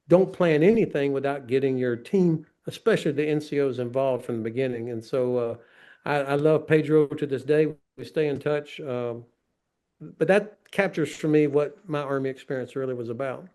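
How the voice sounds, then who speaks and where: A man's voice: mid-range voice, normal speed, mellow. A man in his sixties, a retired army general, telling a self-mocking story on a video panel. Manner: self-mocking, laughing at himself. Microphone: video call.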